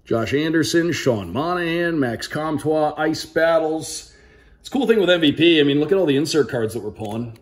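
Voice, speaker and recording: Speaking at a moderate pace in an expressive, slightly high voice, this man narrates an unboxing casually and cheerfully. He calls out names to viewers in the style of a radio sports play-by-play announcer.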